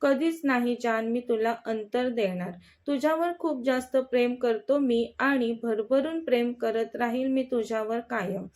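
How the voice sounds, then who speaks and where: A gentle, reassuring young man in love, as a woman narrator reads his lines. He speaks slowly and tenderly, in a fairly high voice. It comes across as quiet storybook dialogue. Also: close to an everyday voice.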